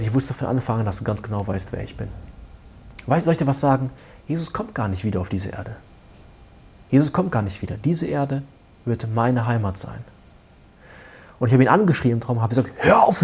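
Husky, mellow-voiced man telling a story. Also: mid-range voice. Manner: earnest, halting, with restarts and hushed asides. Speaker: guest telling a personal story. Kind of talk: casual spoken storytelling.

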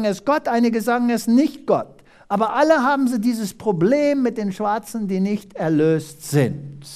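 Animated preacher from South Africa. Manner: dramatic, rhetorical questions, sweeping pitch swings. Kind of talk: animated sermon with Bible reading.

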